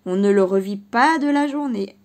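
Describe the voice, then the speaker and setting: A woman reading a children's storybook aloud in a lively, expressive voice. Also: medium pitch, moderate pace.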